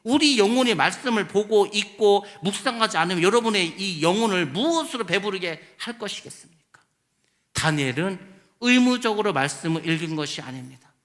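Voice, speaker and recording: A high-pitched male pastor preaches emphatically in a church sanctuary, posing rhetorical questions and answering them himself. He swings between loud, stressed lines and quiet asides.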